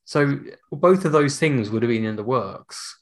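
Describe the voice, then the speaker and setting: A man's voice: mid-range voice, animated, unhurried. A British man chatting casually as a podcast co-host. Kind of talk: casual chat.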